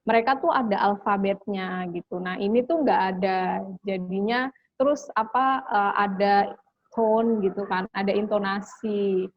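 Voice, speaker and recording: A woman's voice: medium pitch, measured pace, no room sound. A young woman from Indonesia telling her story as an interview guest, chatty, with lots of fillers and English phrases mixed in. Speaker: interview guest, scholarship graduate. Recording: dull lo-fi dry recording.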